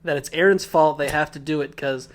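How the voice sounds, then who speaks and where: Higher-voiced man co-hosting a podcast. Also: a little fast. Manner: laughing, joking recap of notes. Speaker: podcast co-host. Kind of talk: casual episode recap chat.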